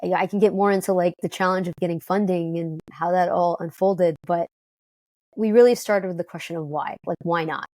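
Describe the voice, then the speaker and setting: Woman guest, lowish voice, dry close sound, chatty and upbeat. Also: fairly even intonation, darkish tone, dry recording. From Detroit, United States. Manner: upbeat, fast-talking, frequent fillers and restarts. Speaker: guest, company co-founder. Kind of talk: conversational interview.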